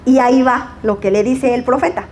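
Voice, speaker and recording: High-voiced woman preaching a sermon. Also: moderate pace, darkish tone, slight background noise. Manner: reads verses aloud, then comments, addressing the listener as brother. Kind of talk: sermon with Bible reading.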